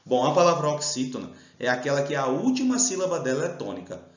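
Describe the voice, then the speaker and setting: A man's voice: a little high, sing-song, quick pace. A Brazilian man teaching an exam-prep grammar lesson, explaining step by step and stretching out stressed syllables. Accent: Brazilian Portuguese. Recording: roomy, slightly dull sound.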